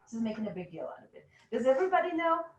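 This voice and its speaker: Brisk woman trainer in an echoey room. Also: a little high, big pitch swings. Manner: brisk, instructive, laughs often. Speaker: teacher trainer. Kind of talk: leading a classroom game demo. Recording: roomy, distant, dull classroom sound.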